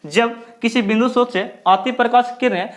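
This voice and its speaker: A man giving a physics lesson, who keeps asking the class questions, answers them himself, and repeats key terms slowly. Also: extremely high pitch. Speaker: physics teacher. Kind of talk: blackboard lecture.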